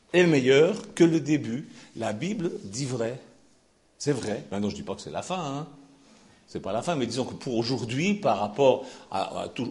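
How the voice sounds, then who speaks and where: An older man preaching a sermon in a chapel, expressive and jovial, swinging from loud declarations to hushed asides. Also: medium pitch. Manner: warm, expressive preaching with laughter and sudden shifts between loud and hushed. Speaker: pastor.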